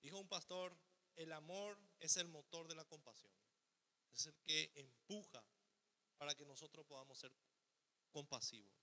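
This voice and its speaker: A man's voice: fairly high pitch, fairly even intonation, normal speed, long pauses, bright, forceful tone. A man preaching a sermon as pastor, asking rhetorical questions and acting out the voice of the selfish ego. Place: church hall. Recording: long hall reverb.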